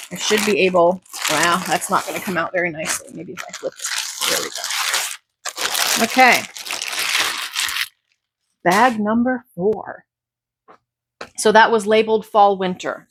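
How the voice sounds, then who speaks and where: A woman reselling thrifted clothes, chatting casually and rambling through a haul video, her voice a bit raspy from talking all day. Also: medium pitch, no room sound. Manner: chatty, rambling, self-correcting. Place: at home beside a pile of clothes.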